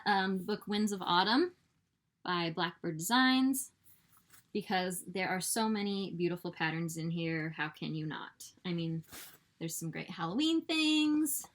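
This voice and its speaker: A woman hosting a casual cross-stitch vlog, chatty and animated, laughing often and filling with "like" and "um" as she shows her purchases. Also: medium pitch. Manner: fills with "like" and "um". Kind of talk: casual show-and-tell chat.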